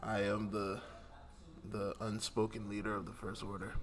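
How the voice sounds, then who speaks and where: A man's voice: on the low side, little pitch movement, moderate pace. A man hosting a casual podcast chat, rambling and teasing in loose slang. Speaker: podcast host.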